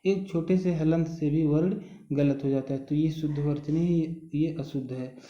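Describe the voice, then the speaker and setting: A man's voice: on the high side, steady tone, dark tone. A man teaching a spelling lesson, patient and repetitive, stretching out the words he corrects. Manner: patient, repeats words slowly and often says "thik hai". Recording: muffled roomy recording.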